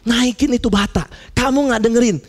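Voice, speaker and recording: A man's voice: very high voice, fairly quick, voice pushed up. A man voicing an annoyed male construction worker who scolds his coworker in blunt street slang. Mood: scolding.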